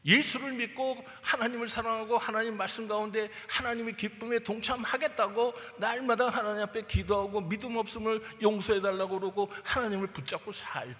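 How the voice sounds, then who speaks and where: A male pastor preaching a sermon to his congregation, animated, swinging between loud emphasis and hushed asides. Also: sits high. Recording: long hall reverb.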